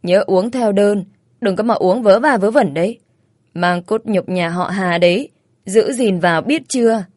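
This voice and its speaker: A woman's voice: mid-range voice, measured pace, a little mellow, no echo, clean studio sound, lightly acted. Woman voicing a bossy caring older mother-in-law. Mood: fussing. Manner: bossy, practical, scolding kindly.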